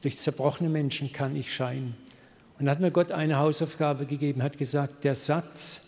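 A middle-aged man preaching a sermon, telling a story in a lively way and translating English quotes into German. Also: on the high side, normal speed, long reverb tail. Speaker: pastor.

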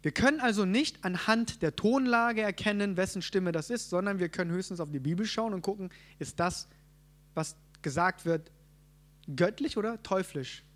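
A man with a high voice preaching a sermon, teaching as he goes and putting questions to the people in front of him. He talks casually, with quick asides and rhetorical checks like "right?". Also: fairly bright tone.

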